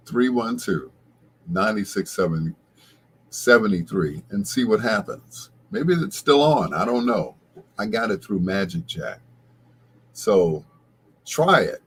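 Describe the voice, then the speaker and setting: A middle-aged American man hosts a casual late-night radio show, rambling like a storyteller reminiscing. His husky voice is fairly low in pitch, and the recording carries a little hiss or hum.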